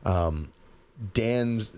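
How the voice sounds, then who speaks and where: Male podcast co-host, lowish voice, loose rambling chat. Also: drawn-out words, smooth. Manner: rambling, many restarts and "right?" asides. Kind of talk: casual chat.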